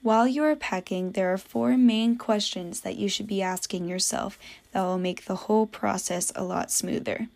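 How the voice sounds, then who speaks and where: A woman's voice: medium pitch, normal speed, creaky, darkish tone. A young woman from New England hosting a casual solo podcast, chatty and full of jokey asides. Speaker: podcast host.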